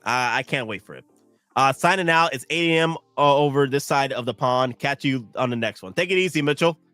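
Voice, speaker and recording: A man's voice: mid-range voice, fairly quick, sharp tone, no echo, soft background music. A man in his thirties with a Southern American accent, chatting loosely on a live stream, tired and rambling with restarts and asides to his viewers. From United States. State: tired, sleep-deprived. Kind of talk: casual live-stream chat.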